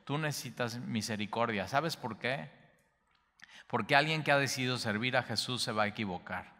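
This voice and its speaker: A man's voice: mid-range voice, moderate pace, bright, forceful tone, long reverb tail. A man teaching a Bible study as a pastor, repeating key phrases emphatically with small stumbles. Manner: repetitive, emphatic, slight stumbles.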